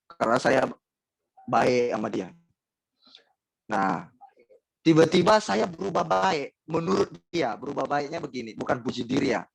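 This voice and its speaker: A man's voice: fairly high pitch, gravelly, dry recording, rough recording. A man preaching a sermon in an Indonesian accent, speaking straight to the congregation with rhetorical questions and emphatic repetition. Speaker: pastor.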